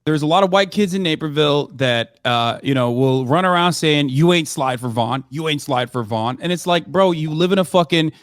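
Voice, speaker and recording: A man's voice: a little high, normal speed, hardly any pauses, no room sound, clean studio sound. A man who grew up in Turkey, a commentator debating on a live stream, hesitant with many fillers and restarts, swearing now and then.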